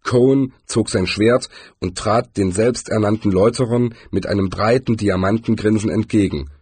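Brief: male audiobook narrator, low and husky, measured delivery. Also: darkish tone, no echo. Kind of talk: scripted narration.

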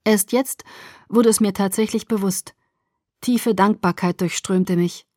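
A woman narrating a first-person novel for an audiobook, following the drama and dropping almost to a whisper in quiet passages. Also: medium pitch, steady tone, a little slow, no echo, studio quality.

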